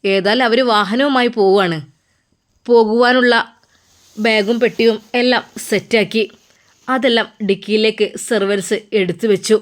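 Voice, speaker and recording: A woman narrating a religious story in an unhurried, emotive way, with dramatic asides. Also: on the high side, fairly even intonation.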